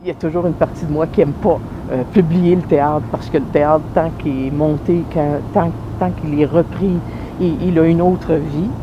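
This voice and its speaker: A woman playwright, talking thoughtfully in an interview, often pausing and restarting. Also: low-pitched, steady tone, lo-fi sound. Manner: thoughtful, hesitant, many pauses and restarts. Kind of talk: interview talk. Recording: noisy background.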